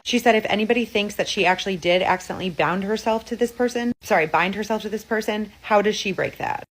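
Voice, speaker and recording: A woman's voice: mid-range voice, poor audio. A woman narrating a spooky story in a casual, chatty way, full of filler words. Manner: chatty, lots of "like" fillers, acts out quoted lines.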